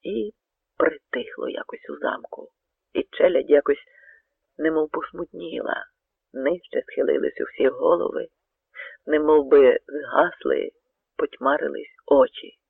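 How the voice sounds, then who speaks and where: A male storyteller reads a dramatic tale, dropping to hushed tones and then pressing hard on key words. His voice sits a little high for a man, with gravel and a husky edge. The sound is narrow and phone-like, close and dry. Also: a little slow, no room sound. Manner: dramatic, swinging between hushed and emphatic. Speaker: narrator. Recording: narrow tinny radio recording, dry.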